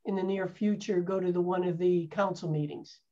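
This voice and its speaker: The head of a town's parks and recreation staff answers questions in a casual meeting, speaking on a video call from her home office with a few hesitant restarts. Her voice sits on the low side, steady and warm, at a moderate pace. The call audio sounds dull.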